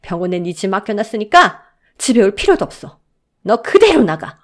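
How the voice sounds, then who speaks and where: A woman's voice: a little high, big pitch swings, brisk, a little mellow. A woman voicing a harsh, spiteful older mother-in-law who scolds with contempt. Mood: raging.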